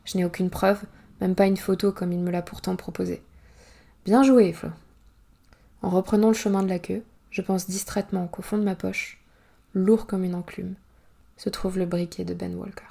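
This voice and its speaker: A woman author reading her own novel aloud in first-person narration, calm and even. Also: fairly low pitch, a little fast, vocal fry.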